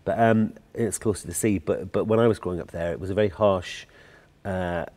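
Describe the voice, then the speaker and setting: A middle-aged man from Newcastle, England, with a Geordie accent, appears as a guest choreographer in a casual interview chat. His voice sits low and a bit dark, with a steady tone and a fairly quick pace. He tells his story with restarts and laughter.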